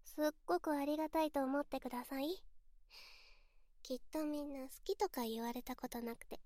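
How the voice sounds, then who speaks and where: A woman's voice: high-pitched, normal speed, dark tone, dry recording, studio quality, natural voice. A woman voicing a bratty young female streamer who speaks sweetly and politely while mocking and insulting her viewers, in a voice drama role-play. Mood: smug.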